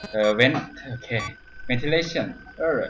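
A man doing casual, crude horror game commentary who yelps and shouts when startled. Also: medium pitch, slow, a little hiss or hum. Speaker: gamer. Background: game music.

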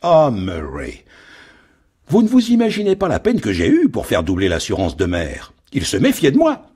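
Scheming shipowner, voiced by a man: metallic, mocking, high and husky, lively delivery. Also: moderate pace, full character voice. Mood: gloating. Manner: mocking, gloating. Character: greedy scheming middle-aged male shipowner.

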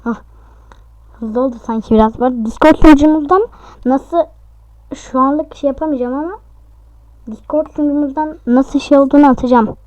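A woman giving casual, excitable commentary over her own gameplay, talking to herself and shrieking at close calls. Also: high voice, fairly quick, long pauses, no echo, lo-fi sound. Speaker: gaming YouTuber.

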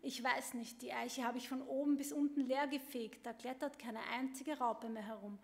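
Woman reading a stressed mother bird, scolding, fretful, higher pitch, hall reverb. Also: fairly even intonation, moderate pace. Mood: exasperated. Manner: scolding, exasperated.

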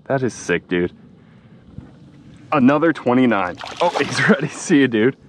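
A young man hosting a fishing vlog from a small boat at dusk, chatting casually and excitedly, saying "dude" a lot. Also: mid-range voice, measured pace, background noise. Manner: excited, laid-back, says "dude" a lot. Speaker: fishing channel host. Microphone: action camera mounted on cap.

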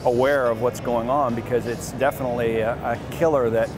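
A man from the Caribbean, speaking in a measured, serious way at an event. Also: medium pitch, steady tone, music in the background.

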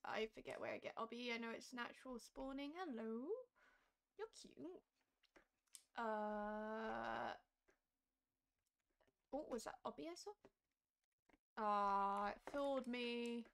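A hoarse woman who is losing her voice, chatting casually and thinking aloud while live-streaming a game. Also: fairly high pitch, normal speed, fairly bright tone. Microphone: streaming mic.

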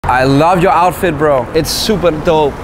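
A man's voice: a little high, normal speed, noisy background. A young man from Denmark with a Danish accent, vlogging on city streets and in a pub, joking with strangers and stammering on restarts. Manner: playful, awkward, stammers on restarts. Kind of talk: street vlog, chatting up strangers.

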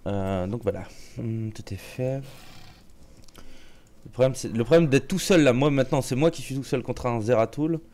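A man giving casual live commentary on his own gameplay, joking and chatty, with a slightly sore throat that makes him clear it now and then. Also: mid-range voice, normal speed, warm tone. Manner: joking, chatty, many restarts and fillers. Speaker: game streamer.

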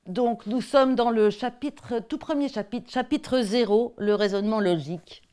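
A woman's voice: fairly high pitch, a little slow, a little mellow, clear, resonant tone. A woman with a French accent giving an academic talk on textbook excerpts, conversational and hesitant, often repeating words. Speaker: lecturer.

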